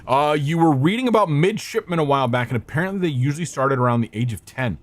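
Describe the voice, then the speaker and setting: A young man streaming a mystery game and puzzling over clues out loud. His pitch moves a lot as he talks. He jumps between thoughts, swears, and stops to greet viewers. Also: lively intonation, fast. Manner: thinking aloud, scattered, swearing, greeting chat. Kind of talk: casual gameplay commentary.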